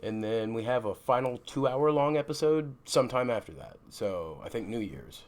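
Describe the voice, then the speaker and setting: A man's voice: mid-range voice, animated, normal speed. A man who is sick, ranting bluntly and casually about a show as a vlog host, swearing freely. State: sick, rough voice. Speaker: vlogger host.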